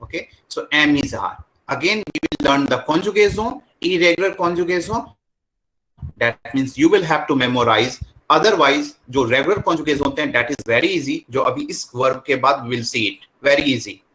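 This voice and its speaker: Indian guy teaching french in a classroom, very slow, bright voice, repeats stuff over and over. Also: fairly high pitch, slight background noise, rough recording. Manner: slow, repetitive drilling, mixing English and Hindi. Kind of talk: classroom lesson.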